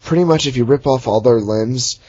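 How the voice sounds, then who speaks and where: A man's voice: medium pitch, a little fast, darkish tone, husky, no echo, highs cut off. A young man giving a rambling, sarcastic recap of a movie in casual chat, recorded at home on a computer mic. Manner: rambling, sarcastic, mocking character voices. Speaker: movie reviewer.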